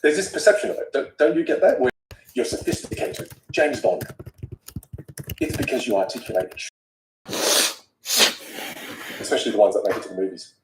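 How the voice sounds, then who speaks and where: A man with an Australian accent, a guest speech coach whose first language is Vietnamese, talking in an animated, emphatic way. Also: medium pitch, fast talker, background noise. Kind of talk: casual conversation. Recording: roomy echo.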